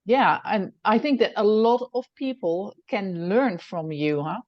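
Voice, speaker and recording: A woman's voice: medium pitch, a little slow, no room sound. A woman co-host in a casual podcast chat, speaking carefully and hesitantly. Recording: dry, dull lo-fi audio.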